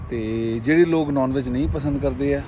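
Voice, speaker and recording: A man, casual and explanatory, narrates his travel vlog to a camera held at arm's length. He sits in a mid-range voice. Steady road and vehicle noise runs behind him outdoors. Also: mid-range voice, normal speed. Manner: friendly, explanatory, polite with frequent "ji". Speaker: food vlogger. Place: roadside by a hill town market, outdoors. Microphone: phone or camera held at arm's length. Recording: outdoor noise and passing traffic.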